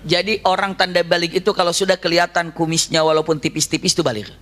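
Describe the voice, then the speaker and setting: A man with a high voice delivers a storytelling sermon. His tone is bright and forceful, and his telling is animated. He keeps turning to the audience with questions. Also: fast talker. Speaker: preacher.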